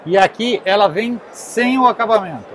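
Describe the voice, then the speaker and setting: A man in his forties, a show host, asking quick follow-up questions at an indoor boat show stand. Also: high-pitched, fairly bright tone, slight background noise, poor audio. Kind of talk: casual interview at a trade show. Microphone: handheld recorder.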